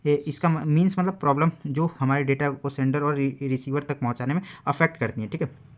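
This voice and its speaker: A man's voice: on the high side, fairly even intonation, fairly quick, highs cut off. Man teaching an exam-prep lecture. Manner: explains in simple everyday examples, many fillers. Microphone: recording alone at a desk.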